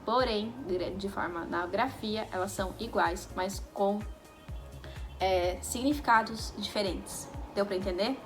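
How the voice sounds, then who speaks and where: A woman's voice: medium pitch, a little slow. A woman teaching a lesson, explaining step by step and checking in with the viewers as she goes. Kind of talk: video lesson. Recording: music bed under the voice.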